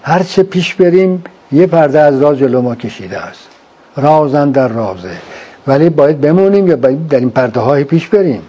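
Man, mellow dark tone, fairly high voice, probing questions, reflective conversation. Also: animated, breathy edge, lo-fi sound. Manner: probing, asks short leading questions. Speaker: interviewer. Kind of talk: philosophical conversation.

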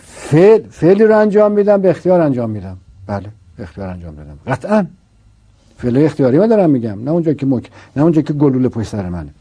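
Dark husky man teaching philosophy. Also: mid-range voice, very animated. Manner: argues with rhetorical questions and repetition. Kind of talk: didactic philosophical explanation.

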